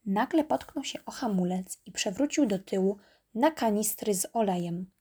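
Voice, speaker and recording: A woman narrating a children's storybook in a calm, even reading voice. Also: medium pitch, moderate pace, breathy edge.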